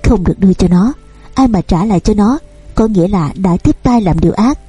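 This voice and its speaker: A scolding, grieving mother of advanced years, insistent and firm. Her voice is dark and husky, close and dry, as a woman storyteller reads her. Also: medium pitch, lively intonation, fairly quick, no echo, faint music behind.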